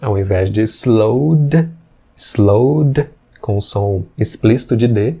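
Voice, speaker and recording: A man teaching English. His voice is low and mellow. He explains patiently and repeats examples slowly. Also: steady tone, husky. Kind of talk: explanatory language lesson.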